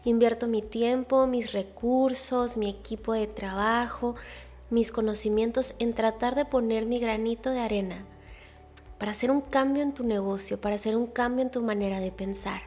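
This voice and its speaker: A woman's voice: fairly high pitch, fairly even intonation, moderate pace, a little mellow, faint music behind. A woman with a nasal, congested-sounding voice, hosting a podcast in a casual, chatty, direct way. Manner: chatty, informal, emphatic with rhetorical questions. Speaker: podcast host. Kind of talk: casual solo podcast monologue, addressing listeners directly.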